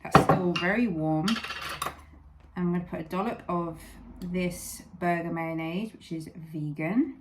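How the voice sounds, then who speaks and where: A woman's voice: on the low side, unhurried, background noise. A woman vlogging a casual cooking demonstration, chatting viewers through each step.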